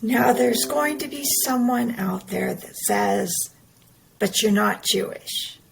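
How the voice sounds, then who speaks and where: A woman's voice: fairly high pitch, slow pace, creaky, a little hiss or hum, low-quality recording. A middle-aged woman, talking earnestly and emphatically in a personal monologue, often repeating her words. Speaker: podcast host.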